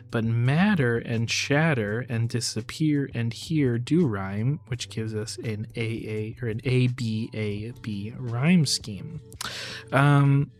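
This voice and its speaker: A man hosting a lyric analysis show, talking through a song in a casual, musing way with lots of loose hedges. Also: mid-range voice.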